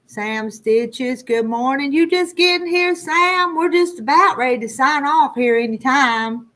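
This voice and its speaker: This livestream host is a woman in her sixties whose voice sits on the high side with a slightly bright quality. Hailing from the Arkansas Ozarks foothills, she talks in a rural Southern Ozark country accent, rambling to her live audience in a casual, homespun, folksy manner.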